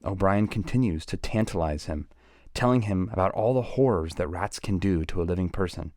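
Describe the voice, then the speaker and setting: A man with a very low voice recounts a novel's plot in a grave, storytelling manner. He stresses key words for dramatic effect. The recording is dry and close to the mic. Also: brisk, darkish tone, no room sound. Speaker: book channel host.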